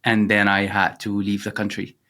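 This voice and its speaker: A Syrian startup founder in his thirties speaks in an interview, earnest and reflective, using many "you know" fillers. His voice is on the low side, pushed and bright, with a completely flat delivery at a moderate pace.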